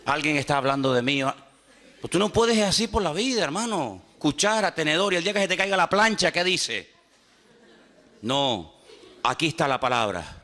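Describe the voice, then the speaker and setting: A man in his sixties from Venezuela preaching a sermon at a church retreat, lively and humorous, acting out the people he quotes. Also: fairly high pitch, moderate pace. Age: 60s. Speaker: pastor. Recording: hall with long reverb.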